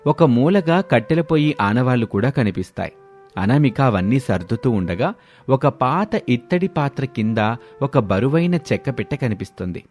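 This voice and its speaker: A man narrating an animated family story in a calm, scripted manner. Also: mid-range voice, normal speed, faint music behind.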